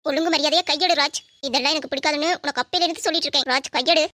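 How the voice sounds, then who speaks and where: A woman's voice: high voice, steady tone, racing, bright, forceful tone, no room sound, clean studio sound. A woman playing a proud, defiant young businesswoman in an audio drama, talking indignantly and commandingly.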